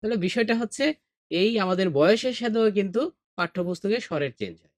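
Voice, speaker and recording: A man's voice: sits high, animated, dry recording, clean studio sound. Patient male teacher explaining poetry. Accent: Bangladeshi Bengali. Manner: slow, patient explaining, reciting verse with feeling. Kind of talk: explanatory lesson podcast.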